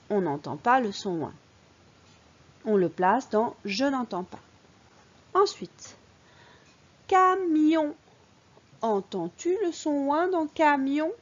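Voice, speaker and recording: A woman teacher giving an early-reading phonics lesson, speaking slowly and clearly in a sing-song way and stressing the key words. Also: a little high, muffled recording.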